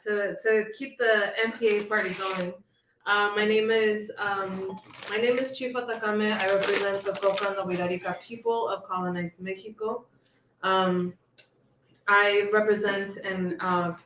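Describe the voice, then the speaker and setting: A woman speaking casually on a livestream, halting, with many pauses and fillers. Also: medium pitch, fairly bright tone. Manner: halting, many ums and restarts. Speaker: organizer introducing themself. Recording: echoey room with faint noise.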